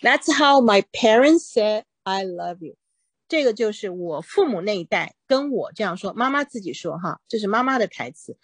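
A woman's voice: medium pitch, expressive, moderate pace, husky, dry recording. A woman teaching English in Mandarin. She reads short English phrases, then explains each one in Mandarin, often saying OK between points. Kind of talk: Mandarin-language English reading lesson.

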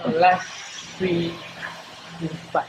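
A man in his thirties, working as a travel vlogger, narrates a casual vlog into a handheld camera inside a visitor attraction. His voice is fairly high and level, and he draws out his words. The on-location camera audio is very noisy.

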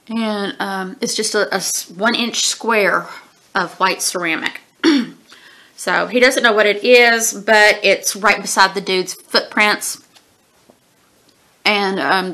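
Her voice medium-pitched, pushed, and bright, a woman in her forties with allergy sniffles chats about a book at home, rambling with many ums and frequent throat-clearing. A webcam at desk distance records her in a small indoor room.

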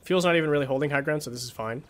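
Speaking very fast in a fairly high, bright voice, a young coach talks casually through an esports match review full of fillers. Hours of streaming have left him sounding tired, and he's recorded on a home streaming mic.

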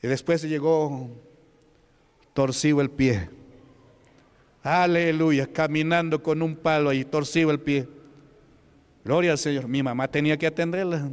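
A man with a Peruvian Spanish accent preaching a fervent sermon, scattering interjections of praise and slowing down and rising in pitch for emphasis. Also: steady tone, smooth. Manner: slows and rises for emphasis. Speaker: pastor. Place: church hall. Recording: reverberant church hall.

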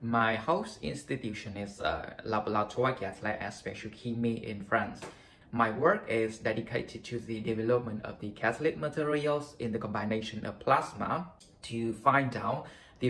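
A man's voice: on the low side, moderate pace, fairly bright tone, a little hiss or hum. A young man from Vietnam, a PhD student, giving a careful scripted introduction in a laboratory. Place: laboratory indoors.

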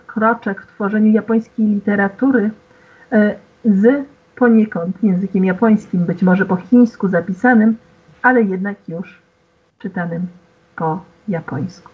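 A woman with a husky, medium-pitched voice gives a formal online lecture, patiently explaining things and often hesitating with fillers. It's captured over a video call, with tinny, phone-like audio.

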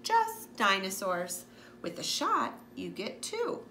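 A woman's voice: mid-range voice, wildly swooping pitch, slow pace, sharp tone, reverberant, slight background noise, exaggerated voice. A woman reading a picture book aloud, voicing a friendly, chirpy nurse.

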